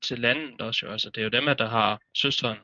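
A man's voice: mid-range voice, steady tone, pushed and bright, dull audio. A man co-hosting a podcast in casual film chat, who recalls details and adds facts about films. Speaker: podcast co-host.

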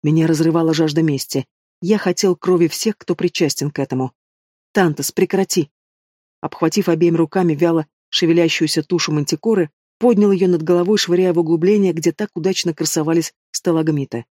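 A man narrating a fantasy novel in the first person, steady and dramatic. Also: a little high, fast, no room sound, studio quality. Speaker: audiobook narrator.

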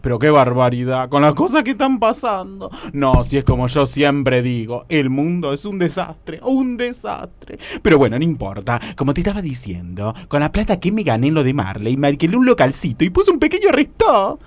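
A man voicing a brash, gossipy middle-aged woman who runs a restaurant, in a Rioplatense Argentine accent, shrill and melodramatic in a radio comedy sketch. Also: very animated, normal speed, few pauses, no echo.

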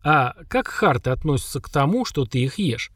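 A man's voice: medium pitch, very animated, moderate pace, a bit bright, slightly rough, dry recording, clean studio sound. A man voicing a confident young hero with an ironic, questioning, grumbling manner. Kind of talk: audiobook character voice.

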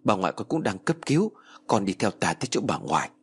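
A man voicing an older Buddhist monk who speaks slowly and gravely. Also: lowish voice, sing-song. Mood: solemn. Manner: slow, solemn, measured.

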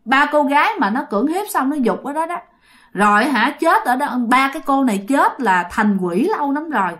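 A woman's voice: high-pitched, animated, normal speed, a bit bright. A woman voicing a rescuer from a passing boat who scolds and warns. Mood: scolding. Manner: exclaiming, scolding.

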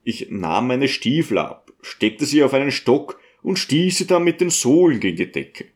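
Ein Mann, der einen zerlumpten jungen Dieb spricht, leise und gedrückt. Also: male voice, medium pitch, sing-song, normal speed, close to an everyday voice. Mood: subdued. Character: cheeky ragged young male thief.

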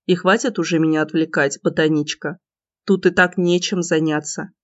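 A woman's voice: steady tone, moderate pace, no echo, close to an everyday voice. A woman reading a cocky, smirking young man. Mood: teasing. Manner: smirking, low and murmuring. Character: cocky teasing young man, the heroine's lover. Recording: dull, slightly lo-fi dry recording.

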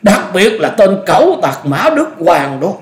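A man voicing a bitter old male martial master who rages and gloats in a shrill, cackling voice. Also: wildly swooping pitch, slow pace. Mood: gloating. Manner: raging, gloating laughter. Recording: echoey room.

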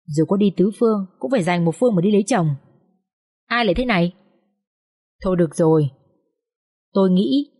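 A woman voicing a stern older village man who scolds bluntly and briskly, in a breathy voice. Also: medium pitch, a little mellow, close to an everyday voice.

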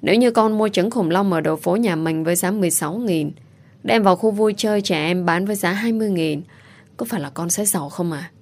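A woman's voice: fairly low pitch, fast, darkish tone, close to an everyday voice. A woman voicing a sweet, clever little boy who talks in eager, childlike questions.

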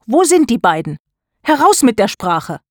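A woman's voice: on the high side, lively intonation, normal speed, darkish tone, no room sound, lightly acted. A woman voicing an adult female social worker who questions students insistently, in a dry storybook recording. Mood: worried.

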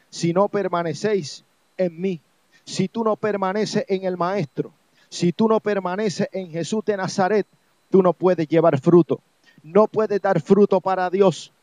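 The speaker is a man from Puerto Rico, an evangelist on a religious show, whose high-pitched, somewhat mellow voice carries his accent as he exhorts listeners with repeated, insistent lines. The audio is lo-fi and dull, completely dry without room sound.

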